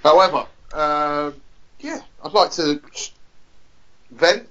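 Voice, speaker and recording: A playful man co-hosts a casual podcast and teases his partner as he leads a segment. His voice sits fairly high. The sound is muffled and lo-fi. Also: lively intonation, slow pace, sharp tone. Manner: playful, teasing. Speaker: podcast co-host. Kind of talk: casual chat. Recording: dull lo-fi podcast audio.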